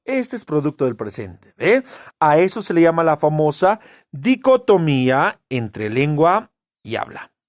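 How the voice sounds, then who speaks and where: Man teaching, very lively pitch. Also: no echo, clean studio sound. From Peru. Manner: asks rhetorical questions and answers them himself; emphatic, drawn-out stresses on key words. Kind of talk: classroom lecture.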